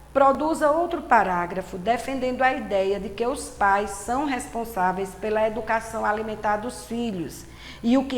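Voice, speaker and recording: A woman teacher with a Brazilian Portuguese accent, giving a recorded lesson and explaining step by step, repeating key words patiently. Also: mid-range voice. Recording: roomy echo with faint background hiss.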